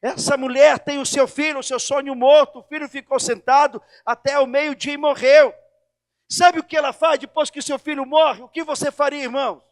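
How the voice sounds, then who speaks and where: A male pastor preaching in church with a very high voice, swinging from hushed lines to shouts. The sound is dry and close. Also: fairly even intonation, moderate pace, no echo. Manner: impassioned, shifting from hushed to shouting. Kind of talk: sermon.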